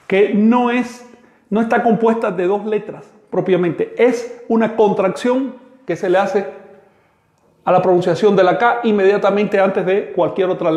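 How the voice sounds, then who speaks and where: A man. He talks slowly and patiently, spelling out sounds and repeating words one by one. The room around him is echoey. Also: high-pitched, darkish tone. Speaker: teacher. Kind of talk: online language class.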